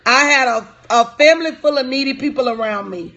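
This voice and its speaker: On a live stream, a business coach in her forties fields comments from viewers, speaking casually, directly and emphatically, often repeating points. Her voice is high and a bit bright, her pace slightly quick, and the audio sounds dull.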